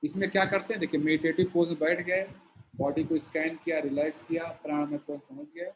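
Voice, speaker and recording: High-voiced man teaching yoga breathing. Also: flat delivery, muffled recording, a little hiss or hum. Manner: slow, explanatory, shows movements while talking. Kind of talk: demonstrating a breathing exercise.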